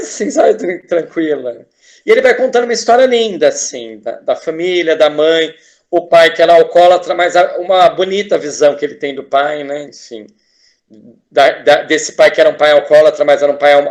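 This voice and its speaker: A Brazilian man, a teacher and artist, talking as a guest in a casual interview, enthusiastic and rambling with frequent restarts and tag questions. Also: fairly high pitch.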